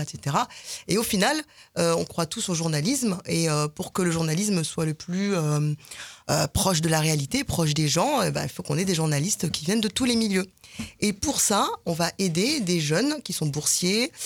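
A woman with a lowish voice answers an interviewer's questions. She explains her work at a steady, hesitant pace, often stopping on fillers before going on. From France. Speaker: association representative. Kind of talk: studio interview guest.

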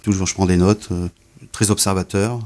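Middle-aged male poet guest, low-pitched, halting and repetitive delivery. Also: steady tone, darkish tone. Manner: hesitant, repeats words, many fillers. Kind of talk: casual interview talk.

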